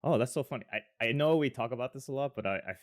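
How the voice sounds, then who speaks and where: A man's voice: medium pitch, quick pace, no room sound, studio quality. A young man hosting a podcast over a video call, asking questions in an easygoing way and laughing along with his guest. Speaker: podcast host. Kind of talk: casual interview and scripted intro. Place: home room, on a video call.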